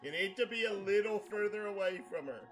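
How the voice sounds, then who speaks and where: A man's voice: high voice, animated, a little fast, poor audio. A man chatting casually with friends over a video game and giving them directions. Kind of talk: casual gaming chat. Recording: game music behind the voice.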